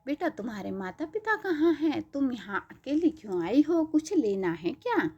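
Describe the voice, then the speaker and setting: A woman reading a gentle coaxing doctor. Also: sits high, very animated, moderate pace, husky, heavily acted. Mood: soothing. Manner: soothing, coaxing. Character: kind gentle male doctor, middle-aged. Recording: dull lo-fi recording.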